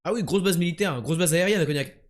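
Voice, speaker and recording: Fast and fairly high-pitched, a young man from France jokes and brags while playing word and geography games on stream, chatting with his audience throughout.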